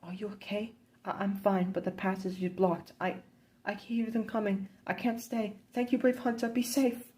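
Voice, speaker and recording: A man's voice: high voice, flat delivery, moderate pace, a little mellow, pitched above the performer's own voice, natural voice. A man voicing a timid young woman who serves the church in a gothic horror game campaign. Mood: anxious.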